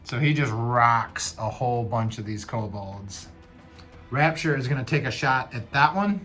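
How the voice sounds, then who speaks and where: A man's voice: mid-range voice, lively intonation, a little slow, a bit bright, soft background music. A man playing a solo tabletop dungeon game, reading cards aloud, counting moves and dice, and thinking aloud about the rules. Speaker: game master.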